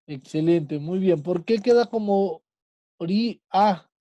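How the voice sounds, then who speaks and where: A patient teacher leads an online class, slowing and stretching words to explain. His voice is very dark and mellow, recorded dry and close on a computer mic. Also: high-pitched, no echo.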